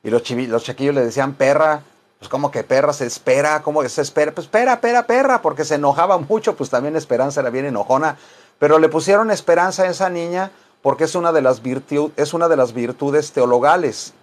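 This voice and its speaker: A man teaching English at a church service, drawing out English words slowly and repeating them for the class, with chatty, joking asides. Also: on the high side. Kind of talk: bilingual Bible-based English lesson.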